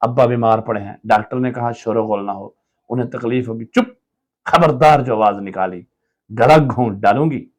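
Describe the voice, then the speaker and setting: A man reading a play aloud and voicing a shrill, nagging housewife who keeps scolding her child. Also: level tone, fairly quick, a little mellow, close to an everyday voice.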